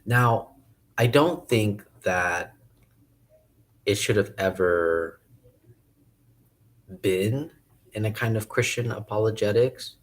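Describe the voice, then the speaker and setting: A man musing casually to camera about philosophy, hesitant and thinking aloud with many pauses and restarts. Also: lowish voice. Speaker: video essayist.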